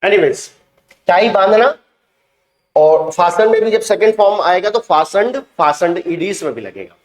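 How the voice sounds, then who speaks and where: A man teaching English to Hindi speakers, who reads out each verb with its meaning and repeats every past form twice in a slow drill. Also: high-pitched, animated, roomy sound. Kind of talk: spoken vocabulary drill.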